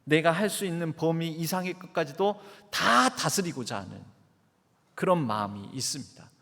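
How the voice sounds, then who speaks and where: A man's voice: fairly high pitch, lively intonation, normal speed, gravelly, pushed and bright. A man, the pastor, preaching a sermon in a church and asking the congregation questions. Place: church sanctuary. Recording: church hall reverb.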